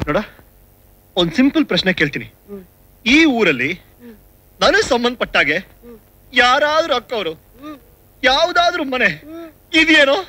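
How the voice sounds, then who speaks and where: An actor playing an exasperated man who scolds and questions a bumbling helper in an expressive way, in a film comedy scene. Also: extremely high pitch, measured pace, pauses often, exaggerated voice. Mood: puzzled. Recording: film soundtrack with faint music.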